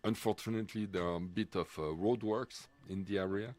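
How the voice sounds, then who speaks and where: A middle-aged Swiss man with a French accent giving live commentary on a race, halting and full of fillers. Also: low-pitched, steady tone, a little mellow. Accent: French-speaking Swiss. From Switzerland. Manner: halting, many fillers and restarts.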